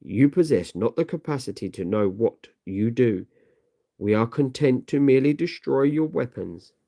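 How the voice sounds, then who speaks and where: A man's voice: mid-range voice, animated, moderate pace, dark tone. A man voicing a stern male warrior god who speaks in formal, archaic phrasing, reading a comic aloud.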